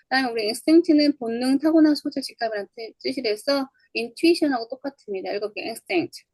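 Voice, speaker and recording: Woman, English teacher, patient drill-style explainer, gravelly and a touch high, dry close mic. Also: quick pace, a little mellow, no room sound, low-quality recording. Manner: explains step by step, repeats words for drilling. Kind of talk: online lecture on English phonology.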